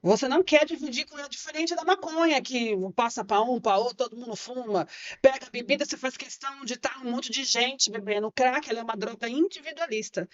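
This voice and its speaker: A woman's voice: high voice, a little fast. A woman giving a personal testimony as a podcast guest, telling her story vividly and acting out the voices she quotes. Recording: slightly muffled podcast audio.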